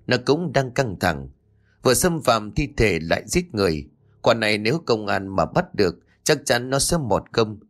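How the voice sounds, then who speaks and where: A man narrating a horror story in a dramatic, tense read. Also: on the low side. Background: faint music.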